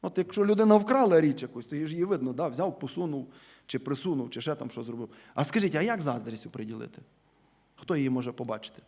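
A man from Ukraine preaching a sermon in a church. He addresses the listeners as brothers and sisters, asks them rhetorical questions, and stresses key words loudly before letting his sentences fall away quietly. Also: fairly high pitch, lively intonation, fast talker, creaky. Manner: emphatic, rhetorical questions, swings between loud stresses and quiet falling endings.

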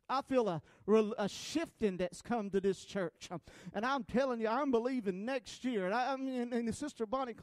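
A man preaching a sermon, fervent, peppered with "uh" and "amen", reading scripture slowly and building to shouted prayer. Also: very high-pitched, dry recording. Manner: reads scripture slowly and emphatically. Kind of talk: Pentecostal-style sermon and prayer. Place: church sanctuary.

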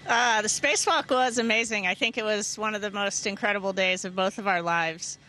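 A woman's voice: medium pitch, steady tone, a little fast, bright, forceful tone, poor audio. An American woman astronaut from Houston giving casual interview answers into a handheld microphone. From Houston, United States. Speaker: astronaut, flight engineer. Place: inside a space station module. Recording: clear equipment noise behind voice.

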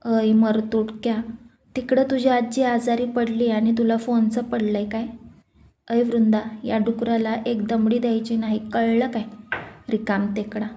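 A feisty, sharp-tongued young woman, as a woman narrator puts her on, blunt and scolding. The voice is dark and mellow with a flat, level delivery. A bold figure in a told story. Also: a little high, a little slow, highs cut off.

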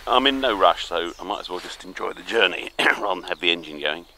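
Deep-voiced older man vlogging outdoors. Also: fast, a little hiss or hum, rough recording. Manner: relaxed, chatty, thinking aloud to camera. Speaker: solo small-boat voyager. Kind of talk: casual travel vlog commentary. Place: outdoors on a small boat on a misty river. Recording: outdoor birdsong and river ambience.

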